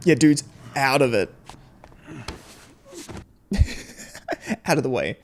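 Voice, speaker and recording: A man's voice: medium pitch, big pitch swings, extremely slow, a little hiss or hum. A man hosting a film reaction, chatting casually, laughing often and talking back to the screen. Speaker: reaction video host.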